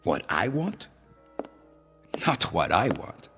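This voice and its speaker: In an old-time radio drama, a gloating, vengeful rebel leader speaks over dramatic music through long hall reverb, cruel and proud. He drags out each threat slowly in a sing-song way, swinging theatrically from low menace to high outrage.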